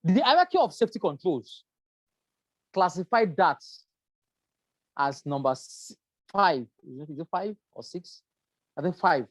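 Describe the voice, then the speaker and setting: A workplace safety trainer giving a lecture with slides, stressing key points by repeating them and pausing often with um. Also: medium pitch, very animated, no room sound. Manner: emphatic, repeats key points, frequent um fillers.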